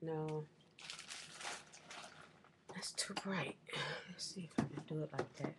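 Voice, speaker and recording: A middle-aged woman with a low voice talks casually into a desk webcam at home. She rambles through her shopping haul, stopping to correct herself on prices. The talk is loose and chatty. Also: takes it slowly, heavy background noise. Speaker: vlogger. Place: small room at home, indoors.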